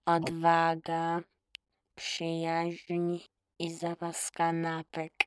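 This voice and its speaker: A woman's voice: low voice, drawn-out words, clean tone, no echo. A woman voicing a grave little robot in a children's audiobook. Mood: solemn. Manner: grave, monotone.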